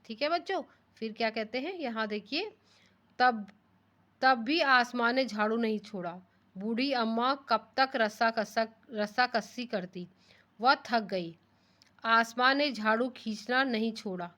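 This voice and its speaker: A fairly high-voiced woman teaching a primary class. She reads a story line by line, slows down for the text, then retells it in plainer words and keeps asking the children questions. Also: bright, forceful tone. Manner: rereads lines slowly then explains them in simpler words; asks the class rhetorical questions. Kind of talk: reading and explaining a children's story.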